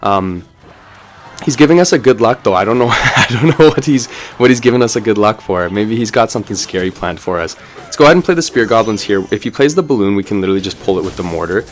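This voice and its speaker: A man's voice: fairly low pitch, lively intonation, quick pace, soft background music. A young man giving casual running commentary over his own mobile card game match, chatty and upbeat, with frequent ums and "let's go ahead". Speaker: gaming YouTuber. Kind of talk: live gameplay commentary.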